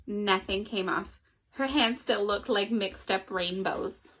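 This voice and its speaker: A woman reading a children's picture book aloud in an animated, expressive way. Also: mid-range voice, slow pace. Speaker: children's story reader. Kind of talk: storytime read-aloud.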